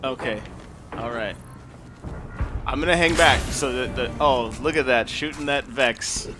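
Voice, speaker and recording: A relaxed man hosts a gaming podcast in a casual, chatty way, taking his time with his words and laughing easily. His voice sits in an ordinary middle pitch. Game music plays clearly behind him. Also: a little slow. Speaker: podcast host. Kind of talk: casual chat while playing a video game.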